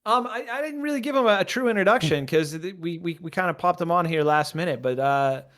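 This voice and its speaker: A man's voice: high-pitched, animated, brisk, a bit bright. A man hosting a casual podcast, upbeat and teasing. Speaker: podcast host. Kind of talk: casual chat.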